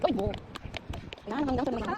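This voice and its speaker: Woman, slightly high voice, out of breath, chatty travel vlog, outdoor phone audio, clear background noise. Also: fast talker. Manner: chatty, animated, mixes in English, laughs often. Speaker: vlogger. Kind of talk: casual travel vlog chat. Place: outdoors on long stairs.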